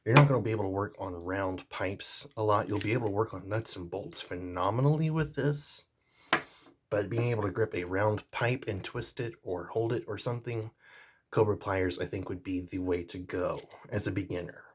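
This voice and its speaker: Man, casual product review vlog, rambling with fillers, low-pitched voice. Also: normal speed, slight background noise. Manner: rambling and easygoing, many fillers and restarts; jokey sign-off. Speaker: vlogger reviewing pocket pliers.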